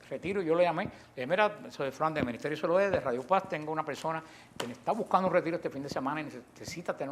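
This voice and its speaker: A middle-aged man preaches to a congregation, animated and emphatic. He acts out conversations as he tells his stories. His voice sits a bit high for a man. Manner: animated, storytelling, acting out dialogue, emphatic. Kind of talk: sermon-style teaching talk.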